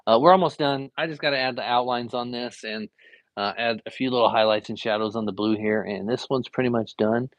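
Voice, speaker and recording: A young adult man chats on a live stream while he draws, an art teacher who rambles along with plenty of fillers. His voice carries a gravelly fry. The sound is dry and a bit dull, with no room around it. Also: mid-range voice, a little fast, no echo. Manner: rambling, easygoing, lots of fillers. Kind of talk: casual live-stream chat while drawing.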